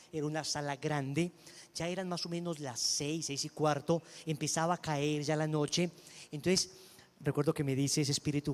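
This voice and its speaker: A male preacher with a high voice delivers a sermon mixed with a personal testimony. He talks emphatically, moving from loud proclamation to hushed storytelling. His voice carries a long reverb, like a large hall.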